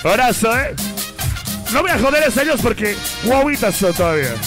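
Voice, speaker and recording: A man working as a party MC and DJ, brashly taunting and hyping a live dance crowd with shouted calls. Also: extremely high pitch, very animated, moderate pace. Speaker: party MC and DJ host. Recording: live PA over loud music. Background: loud party music.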